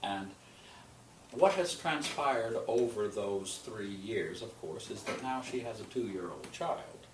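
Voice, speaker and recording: Deep-voiced opera director, storytelling with feeling, echoey room, mic far off, noisy. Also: male voice. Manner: expressive storytelling, slowing on key images. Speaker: opera general and artistic director. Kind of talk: explaining an opera plot in an interview.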